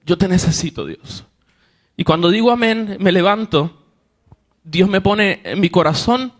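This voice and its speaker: Young man preaching with a higher voice. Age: young adult. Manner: storytelling, acts out quoted voices, rises with emotion. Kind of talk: sermon testimony to a congregation.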